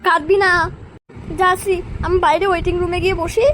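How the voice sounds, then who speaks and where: A woman's voice: very high-pitched, steady tone, fairly quick, slight background noise. A woman voicing a bossy, fussing cartoon mother who keeps scolding her young son and repeating her warnings. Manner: scolding, nagging and repeating herself. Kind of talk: cartoon voice acting.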